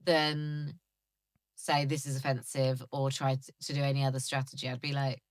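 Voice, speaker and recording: A woman guest on a comedy podcast, talking in a blunt, playful and animated way in casual chat. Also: rumbling low, normal speed, no room sound, studio quality.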